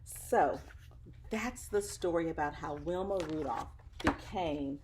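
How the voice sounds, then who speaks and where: Against a noisy background, a woman with a low-pitched voice reads a picture book slowly. She delivers it with expressive drama and chats directly with her audience between passages.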